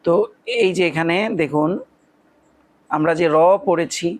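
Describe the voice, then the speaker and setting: A man teaching Quran reading, explaining step by step and slowly chanting letters and syllables in drills. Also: a little high, little pitch movement, a little hiss or hum. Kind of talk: spoken lesson with slow recitation and spelling drills.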